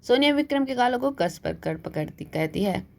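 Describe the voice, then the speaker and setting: A woman storyteller giving storybook narration in an even, steady reading voice. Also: fairly high pitch, normal speed, vocal fry.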